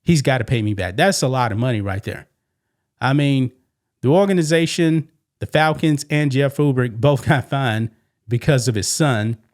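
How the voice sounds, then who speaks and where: Expressive and speaking at a normal speed in a mid-range voice, this sports show host chats through his opinions on the news. He reads out quoted statements and poses rhetorical questions along the way.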